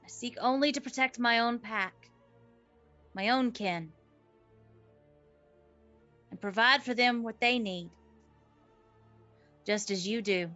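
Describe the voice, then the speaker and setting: A woman playing an earnest forest protector in a tabletop game, speaking in formal, measured, oath-like phrases. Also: a little high, sharp tone, lo-fi sound, soft background music. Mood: solemn vow. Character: solemn, earnest forest protector pleading for peace. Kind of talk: tabletop game role-play.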